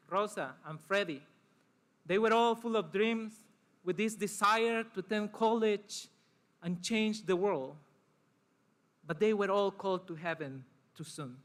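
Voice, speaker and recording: Short, earnest phrases and deliberate pauses mark this formal prepared speech by a student commencement speaker. He is a young man from El Salvador, a native Spanish speaker, whose bright voice sits high.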